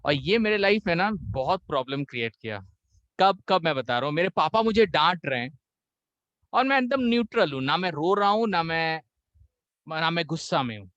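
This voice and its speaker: An Indian man coaching a spoken English class, mixing Hindi and English, acting out quoted voices and slowing down on key English lines. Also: on the high side, animated, a bit bright, dry recording, lo-fi sound.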